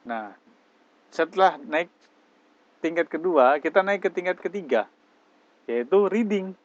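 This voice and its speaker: A man's voice: a little high, expressive, unhurried, muffled recording. A man teaching English, explaining step by step and mixing English phrases into his lecture. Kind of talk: classroom lecture.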